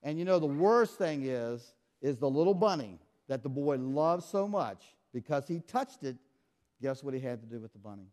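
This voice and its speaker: His voice sits at medium pitch, a little mellow, with lively intonation and a moderate pace. The man is performing a kids' magic show for a live church hall audience, mock-surprised and leading call-and-response quizzes, and the room echoes.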